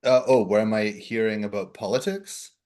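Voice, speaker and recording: A man's voice: on the low side, steady tone, normal speed, darkish tone. A man talking as a player in a tabletop horror game, mixing in-character talk with easy chatter.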